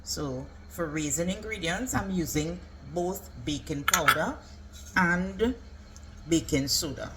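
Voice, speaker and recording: This home cook, a woman, gives a casual cooking demonstration, explaining her recipe one step at a time. Her lowish voice has lively intonation and a slow pace, with background noise behind it.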